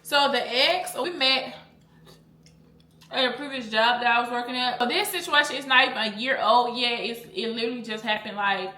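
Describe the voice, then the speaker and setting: A woman talks on in a casual storytime vlog, blunt and easily sidetracked. Her voice sits a little high and rings bright and forceful. The echoey room around her adds a roomy tail to each line. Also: moderate pace. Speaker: vlogger. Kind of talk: casual storytime chat while eating.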